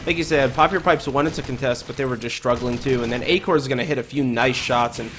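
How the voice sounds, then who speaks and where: A man giving casual play-by-play commentary on a live esports match, talking quickly with frequent fillers. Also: mid-range voice, a bit bright, soft background music. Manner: quick, chatty, many fillers. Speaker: esports caster.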